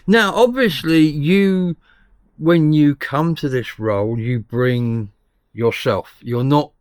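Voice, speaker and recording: A man's voice: fairly high pitch, slow, clear, resonant tone, no room sound, clean studio sound. A man hosting a casual interview with effusive, bantering chat. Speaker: interviewer, show host.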